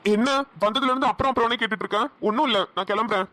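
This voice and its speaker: A woman's voice: a little high, a bit bright, dry recording, lightly acted. A woman voicing a brash, hot-tempered young guy. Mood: sulky. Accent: Namakkal Tamil.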